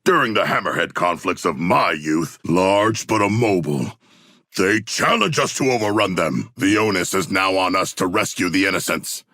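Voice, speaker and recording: A man playing a hulking, earnest shark warrior in a video game, speaking in stilted, grandiose, formal phrases with a gravelly, rough voice. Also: low voice, expressive, moderate pace, pushed and bright, no echo, studio quality, heavily acted. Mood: measured, earnest. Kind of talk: video game character voice lines.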